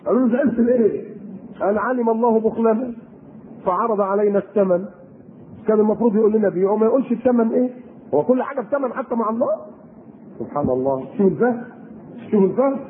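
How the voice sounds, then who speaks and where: Egyptian male preacher, high fast delivery, lo-fi tape with faint hiss. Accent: Egyptian Arabic. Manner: animated, rhetorical questions to the audience. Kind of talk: Egyptian colloquial sermon. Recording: tinny lo-fi recording with faint noise.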